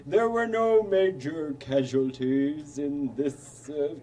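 Children's puppet king male performer: booming, pompous, stately, very drawn-out delivery, mellow timbre. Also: distant mic. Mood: pompous, proclaiming. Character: pompous puppet king, regal, self-satisfied, formal. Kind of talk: children's television puppet play.

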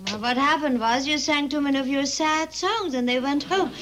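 High-voiced, unimpressed sitcom wife. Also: female voice, moderate pace, a bit bright. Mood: blunt, indifferent. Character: blunt, unimpressed, elegant city wife. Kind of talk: 1960s television sitcom acting. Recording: noisy old TV soundtrack.

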